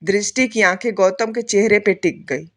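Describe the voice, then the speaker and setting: A woman tells a sad moral story with a solemn, emotional delivery. Her voice sits at an ordinary middle pitch for a woman, steady in the manner of a storybook narrator. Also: normal speed.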